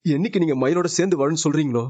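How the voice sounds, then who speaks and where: A man's voice: fairly high pitch, racing, warm tone, no room sound, lightly acted. A man playing a young husband who won't take his wife back. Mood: pleading. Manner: pleading, breaking into sobs. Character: grown son refusing his estranged wife, anguished. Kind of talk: Tamil serial drama. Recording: dull muffled TV-serial audio.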